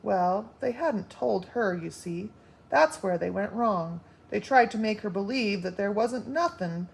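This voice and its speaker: A gentle little old storybook man talks in unhurried, folksy rustic grammar, as a woman reads him. His voice is gravelly and creaky, and it rises and falls a lot. He sounds homely and reassuring. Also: mid-range voice, heavily acted, low-quality recording.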